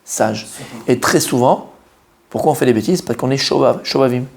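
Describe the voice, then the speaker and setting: A man, a rabbi, giving a Torah lesson to a live group. He talks in an animated, emphatic way, questions his listeners and repeats key words to drive them home. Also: medium pitch, a little fast, creaky. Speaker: rabbi teaching a Torah class.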